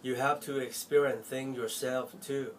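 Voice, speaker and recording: Heartfelt and imploring, a young man from Thailand who sells at an Apple store talks to the camera in a Thai accent from a small cluttered bedroom. His mid-range voice is unhurried, with expressive shifts in loudness and a slight hiss or hum on the recording.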